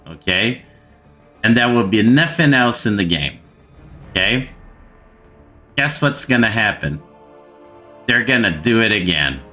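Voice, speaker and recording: With a fairly low, sharp-toned voice, this man from Brazil delivers an irritated gaming rant straight to camera. Portuguese is his first language, his accent is Brazilian, and he repeats words to stress his annoyance.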